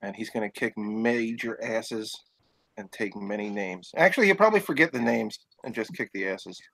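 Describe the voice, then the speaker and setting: A man's voice: lowish voice, animated, moderate pace, vocal fry, fairly bright tone, no echo, poor audio. A man, a comic artist guest, chatting casually and joking about himself. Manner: jokey, self-mocking. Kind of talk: casual chat.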